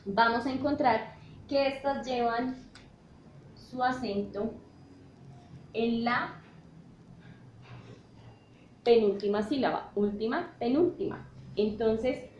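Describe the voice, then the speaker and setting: A woman talks through a grammar lesson at an unhurried pace, stopping often to check that her class is following. Her voice sits a little high and rings in an echoey room with a faint hiss behind it. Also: a little mellow, highs cut off. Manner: slow and patient, checks in often with "¿listo?". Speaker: teacher.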